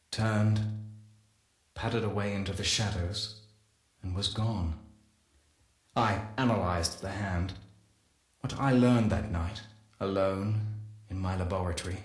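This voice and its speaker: An actor playing a guilt-torn male scientist recording a journal, speaking in a measured, confessional manner as scripted game narration. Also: on the low side, echoey room.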